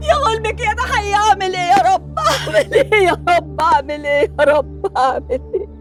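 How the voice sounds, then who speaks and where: A woman's voice: a little high, animated, fast talker, faint music behind, lightly acted. An actress with an Egyptian accent playing a loving mother who begs her son, just out of prison, to let go of revenge. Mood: distraught. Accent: Egyptian Arabic. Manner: pleading, tender.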